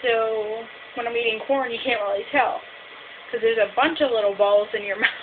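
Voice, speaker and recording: A woman's voice: on the high side, steady tone, moderate pace. A young woman with a fresh tongue piercing chatting casually in a rambling video diary, saying "like" often. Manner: rambling, frequent "like". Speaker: vlogger. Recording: hissy, noisy, phone-like narrow sound.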